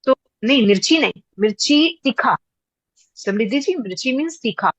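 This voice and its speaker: A woman's voice: a little high, lively intonation, moderate pace, a bit bright, no room sound, highs cut off. A woman teaching a class, explaining patiently and repeating points with everyday examples. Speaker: teacher of breath practice.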